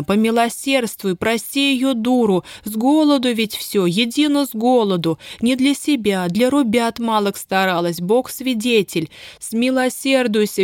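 Woman reader doing sobbing peasant mom begging for mercy, high wailing voice. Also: no echo, clean studio sound, close to an everyday voice. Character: desperate peasant mother, wailing, pleading. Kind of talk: audiobook character voice.

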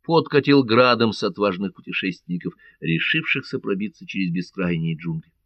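A man narrating an adventure audiobook in a measured, dramatic reading. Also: lowish voice, very animated, vocal fry, dry recording, muffled recording.

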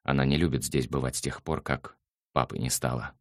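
A man voicing a calm, wry young man in an audiobook, teasing in a low tone. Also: fairly quick, no echo, clean studio sound.

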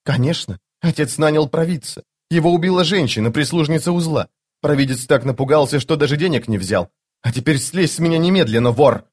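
A man voicing a sharp-tongued, haughty young noblewoman in an audiobook, speaking with scorn. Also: fairly high pitch, brisk, husky, voice pushed up. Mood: scornful. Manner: scornful, scolding.

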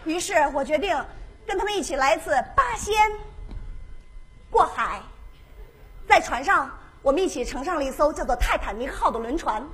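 A woman performing a playful, animated comic monologue with sudden outbursts. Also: sits high, moderate pace, slight background noise. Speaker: comedian.

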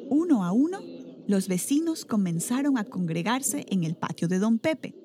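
Animated woman reading a storybook. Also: medium pitch, moderate pace, a crowd in the background. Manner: expressive, animated reading aloud. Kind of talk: storybook narration.

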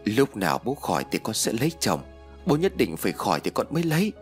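A man's voice: fairly low pitch, sing-song, moderate pace, soft background music. A man voicing a grieving young woman at her father's bedside, tearful and pleading.

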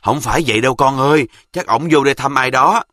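Man doing a tearful fretful mother, southern vietnamese accent, emotional, slightly raised pitch. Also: fast talker, fairly bright tone, dry recording, studio quality, lightly acted. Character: tearful, devout middle-aged southern mother.

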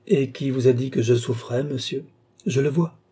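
A man's voice: mid-range voice, steady tone, normal speed, mellow, breathy edge, natural voice. A man voicing a proud, scornful young noblewoman with haughty, cutting retorts.

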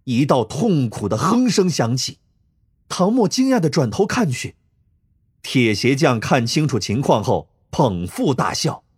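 Husky, lively male audiobook narrator. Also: mid-range voice, measured pace, no echo, studio quality. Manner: expressive, tense storytelling. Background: faint music.

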